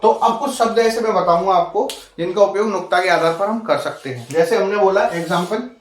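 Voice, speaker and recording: A man's voice: sits high, a little fast. A man teaching a Hindi grammar lesson for exam students. He explains step by step, repeats the example words, asks the class questions and keeps saying "okay" between points. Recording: echoey room, voice from far off the mic.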